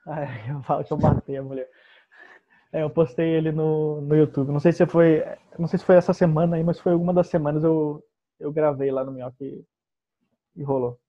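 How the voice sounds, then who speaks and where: A young man speaks in a calm, understated way as he tells his story. His voice sits a little high. The recording sounds dull and lo-fi. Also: fairly quick. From southern Brazil. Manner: relaxed, soft-spoken storyteller. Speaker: stand-up comedian guest. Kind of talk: casual podcast conversation.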